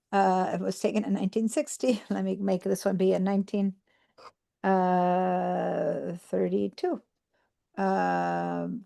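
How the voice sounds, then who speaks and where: An Argentine woman with a gravelly, mellow mid-range voice runs a live online computer class. Step by step and with plenty of fillers, she patiently explains the material and checks in with her students.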